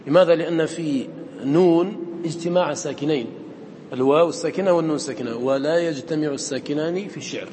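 A male teacher giving a classroom lesson, quizzing his students and slowly drawing out the lines he quotes. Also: fairly high pitch, long reverb tail, noisy background.

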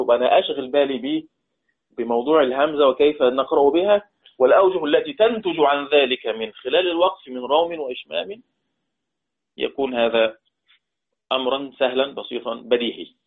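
A man's voice: medium pitch, husky. A man with an Egyptian Arabic accent teaching a patient lesson. He repeats key words and asks his listeners to answer him. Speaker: Quran recitation teacher. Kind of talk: explanatory lesson. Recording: tinny phone-like line.

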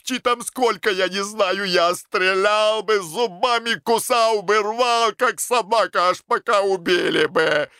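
A man voicing an excitable young male ex-street kid, high-strung and pleading in an audiobook. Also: clean tone, no room sound, studio quality, heavily acted. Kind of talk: audiobook character voice.

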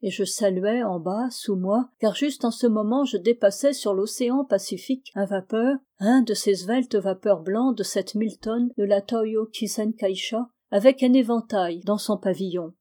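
A woman reading a literary novel aloud as an audiobook, in a calm, measured storytelling manner. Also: mid-range voice. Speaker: audiobook reader.

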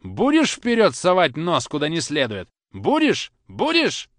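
Angry father voiced by a man, scolding, repetitive, animated, dry. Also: a little high, a little slow, no room sound, voice pushed up, full character voice. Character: angry stern father, strict and harsh.

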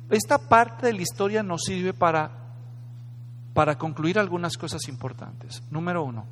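A man's voice: high voice, slight background noise. A man preaching a sermon in a dramatic, conversational way, often putting questions to the congregation. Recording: echoey hall.

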